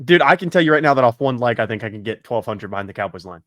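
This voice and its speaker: A man hosting a casual sports podcast, joking and excitable, rattling off long lists. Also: medium pitch, racing, no room sound. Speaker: podcast host.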